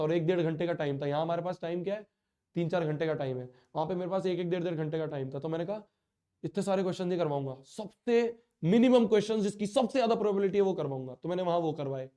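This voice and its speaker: A man's voice: high-pitched, dark tone. Hurt young male teacher with blocked nose. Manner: hurt, pleading, repeats himself. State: blocked nose and sore throat. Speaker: online teacher. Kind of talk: live class address to students.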